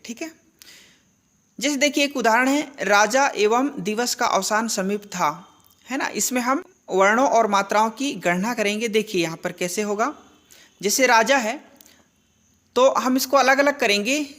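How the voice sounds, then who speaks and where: Teaching grammar classroom-style, this woman poses questions, supplies the answers herself, and keeps repeating the key terms. Her voice is a little high with a fairly bright tone, at a moderate pace.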